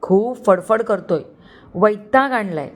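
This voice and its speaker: A woman's voice: mid-range voice, expressive, takes it slowly. Woman voicing a growling male thug. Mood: reporting. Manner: growling, rough threats. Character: rough male thug guarding a captive.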